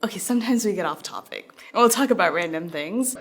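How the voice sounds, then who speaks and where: A young woman student talking in a relaxed, chatty interview, with many fillers. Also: medium pitch, fast talker. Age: young adult. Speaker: student in the program. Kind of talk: interview testimonial.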